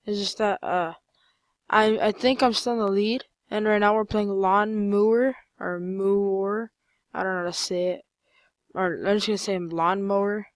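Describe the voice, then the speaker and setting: A woman giving casual, rambling commentary over her own gameplay, full of fillers and sudden excited outbursts. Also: medium pitch, normal speed, dry recording.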